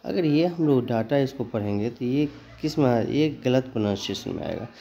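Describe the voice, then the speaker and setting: A man's voice: medium pitch, lively intonation, vocal fry, mellow, muffled recording. Man teaching pronunciation. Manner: spells words letter by letter, slow and deliberate; mixes Hindi with English. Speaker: English teacher. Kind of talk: spoken English pronunciation lesson.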